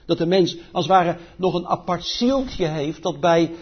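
A man preaching a sermon, declaiming scripture loudly and then dropping to quiet asides. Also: sits high, lively intonation, unhurried, breathy edge. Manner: emphatic, swings between loud declaiming and quiet asides. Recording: dull lo-fi recording.

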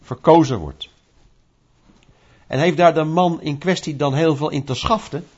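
A man preaching a sermon in a lively, conversational way, asking rhetorical questions and acting out little scenes. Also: a little high, measured pace. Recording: dull lo-fi recording.

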